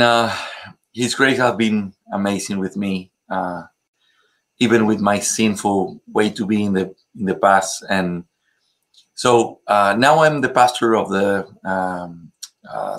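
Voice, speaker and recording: Halting Ecuadorian Spanish-accented man, low voice. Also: a bit bright. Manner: halting, many pauses and fillers. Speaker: pastor, guest. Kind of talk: interview conversation.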